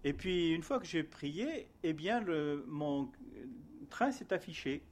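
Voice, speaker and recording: A man's voice: on the high side, animated, takes it slowly. A man giving a spoken testimony and sermon, telling his story in a hesitant way with many fillers, then earnestly exhorting his listeners.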